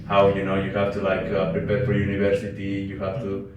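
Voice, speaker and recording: A young man from Ecuador answering interview questions in a relaxed, hesitant way, with lots of fillers. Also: low voice, a little fast, far from the mic, background noise. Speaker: guest, international student. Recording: echoey room, voice off-mic.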